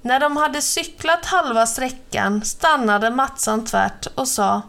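A woman's voice: sits high, vocal fry, a bit bright. Woman reading a children's story. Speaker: narrator.

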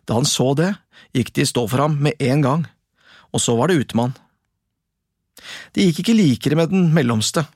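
A storyteller narrating a folk tale in a lively, expressive way. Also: medium pitch, no echo, clean studio sound.

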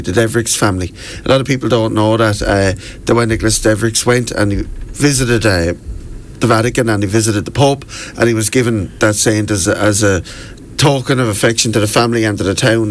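A man from the southeast of Ireland with a low voice and a Wexford accent. He talks like an enthusiastic tour guide being interviewed, informal and full of storytelling. There is clear noise behind him. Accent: Wexford Irish. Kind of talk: conversational radio interview. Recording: clearly noisy background.

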